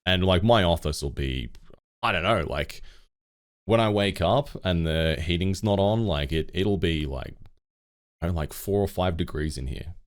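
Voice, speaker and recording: A man's voice: sits low, expressive, normal speed. A man in his thirties with an Australian accent, co-hosting a casual podcast chat and rambling with lots of fillers and self-corrections. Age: 30s. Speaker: podcast co-host.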